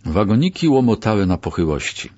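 A man reads a literary audiobook in a low voice with lively, varied intonation. His delivery is measured and expressive. The recording sounds dull and lo-fi. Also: slightly rough. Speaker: audiobook narrator.

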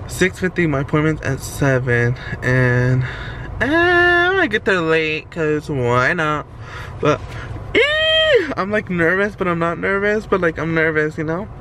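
A young man vlogs in a casual, slangy style with playful, campy asides. His voice sits a little high. There is faint noise behind him from the camera's surroundings. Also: sing-song, measured pace, bright, forceful tone. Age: young adult. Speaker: vlogger. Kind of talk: casual vlog chat, slangy. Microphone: camera at arm's length or on counter. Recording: faint room and car noise.

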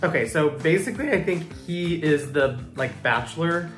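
A young man hosting a casual reaction video, chatty and amused, quick to laugh. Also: a little high, roomy sound, over music. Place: small home studio with plants.

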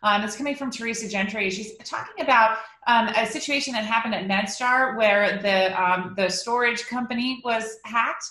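Bright-voiced woman moderating a video panel. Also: a little high, normal speed, hardly any pauses. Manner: polite, filler-laden questions. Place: home office with bookshelves. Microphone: video call. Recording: echoey room.

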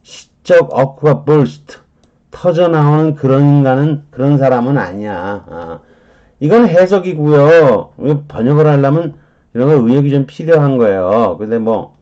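A man teaching English vocabulary in a lecture, explaining slowly with many drawn-out fillers and reading English phrases deliberately. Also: medium pitch, expressive, dark tone, lo-fi sound.

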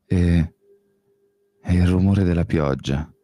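A man's voice: low voice, takes it slowly, mellow, dry recording. A man reading a brooding young male vampire. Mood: gentle.

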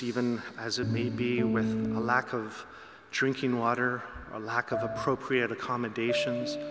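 A man leads a spoken congregational prayer at a pulpit microphone. He speaks in a measured, solemn way. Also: mid-range voice. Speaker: prayer leader. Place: chapel. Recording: echoey chapel hall with loud guitar.

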